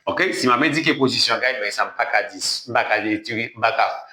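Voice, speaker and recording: A man teaching an online language lesson in a bright, forceful voice. He drills each word slowly several times and checks that listeners follow with a quick "ok?". The sound rings around a roomy, echoey space. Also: medium pitch.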